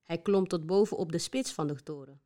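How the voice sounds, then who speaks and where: A woman narrating a children's story for a podcast. Her voice sits fairly low, and she reads in a clear, measured storytelling manner. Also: warm tone.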